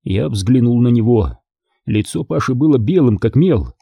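A man narrating a war novel in the first person, in measured storytelling. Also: medium pitch, lively intonation, vocal fry, mellow, husky, no room sound, studio quality. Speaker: audiobook narrator.

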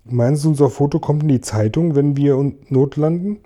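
A man's voice: fairly high pitch, moderate pace, warm tone, close to an everyday voice. A man doing an anxious little ladybird. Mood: curious.

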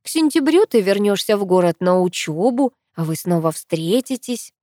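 A woman voicing a caring, fretful old grandmother who speaks slowly and soothingly. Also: medium pitch, big pitch swings, dark tone, no echo, studio quality, natural voice. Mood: comforting.

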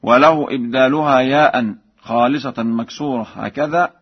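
A man's voice: mid-range voice, steady tone, slightly rough. Man teaching Quran recitation, dull radio sound. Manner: measured explanation broken by slow melodic chanted examples. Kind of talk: explaining recitation rules.

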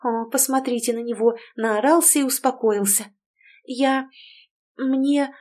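A woman voicing a blunt, skeptical young woman in an audiobook, speaking in excitable, brash bursts. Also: on the high side, moderate pace, lightly acted. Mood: excited. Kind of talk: audiobook character voice.

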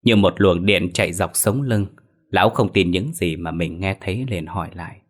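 A man with a very deep, low voice narrates a scripted ghost story. His delivery is measured and ominous.

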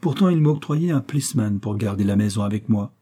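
A man voicing a desperate young gentleman who feels hunted by fate, telling his story anxiously. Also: lowish voice, animated, a little fast, husky.

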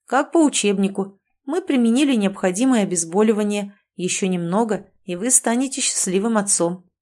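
A calm, steady male doctor, read by a woman narrator in close to her own voice. He talks evenly and reassuringly, with no alarm in it. It is read as part of a storybook. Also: mid-range voice, normal speed, natural voice.

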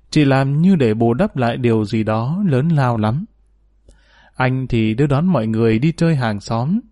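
A man reads a sorrowful story aloud in calm, measured scripted narration. His voice is mellow and dark, at a middle pitch. The recording is dry and close. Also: dry recording.

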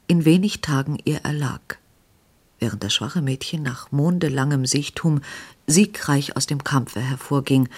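A reader narrates a literary novella in a measured, dramatic way. The voice sits mid-range and has a husky, breathy grain. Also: medium pitch, darkish tone.

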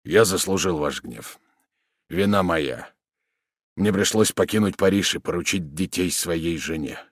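A man's voice: low-pitched, a little slow, slightly rough, no echo. A loyal old soldier owns his fault in a firm, plain voice with resigned weight, as a man reads him. The sound is close and dry. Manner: firm, confessional.

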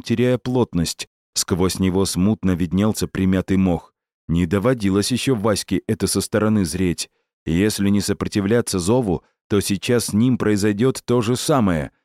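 A man reading a story aloud in a measured, even audiobook narration. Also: on the low side, no room sound, studio quality.

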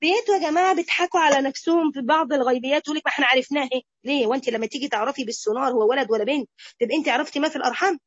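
A woman with an Egyptian accent giving an animated, conversational religious lecture to a women's group, speaking straight to her listeners. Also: high-pitched, racing, dry recording. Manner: animated and conversational, addresses the audience directly. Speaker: religious teacher. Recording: dull lo-fi dry recording.

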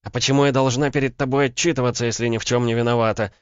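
A fiery young woman with a sharp, scornful tongue, pitched far up and loud, as a male reader puts her on. She sounds dry and a little dull on the recording. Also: fairly even intonation, racing, smooth, dry recording, close to an everyday voice. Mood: indignant. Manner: sharp, scornful, shrill when shouting. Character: fiery young woman, proud and quick to anger.

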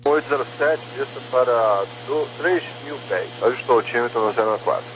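A man's voice: mid-range voice, fairly quick. A Brazilian man acting as air traffic controller, giving clipped procedural instructions over crackly, military-style aviation radio. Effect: aviation radio transmission. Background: radio static and hum.

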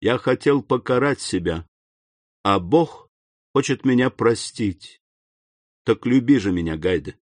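A man reading aloud and voicing a grave, restrained nobleman who speaks low and solemnly. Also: expressive, measured pace, pauses often, dry recording. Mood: tender, grave.

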